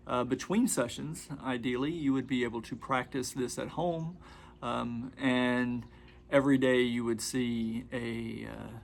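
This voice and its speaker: Gravelly-voiced man in his forties. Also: medium pitch, slight background noise. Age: 40s. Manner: rambling, conversational, with frequent pauses. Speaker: massage and meditation instructor. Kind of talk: casual spoken introduction to guided relaxation. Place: room with a padded floor mat.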